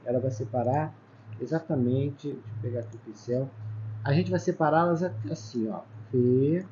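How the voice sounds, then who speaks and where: A man's voice: mid-range voice, fairly quick, mellow. A man with a Brazilian Portuguese accent teaching an exam-prep lesson at a whiteboard. He explains step by step, counts letters aloud and keeps checking with "tá?" and "ó". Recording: slightly dull sound with faint background noise.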